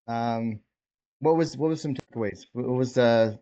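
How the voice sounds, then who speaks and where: A mellow, mid-range male voice at a measured pace. He leads a casual group coaching session over video, keeping things informal and encouraging as he checks in with everyone. The video call audio comes through dull and lo-fi.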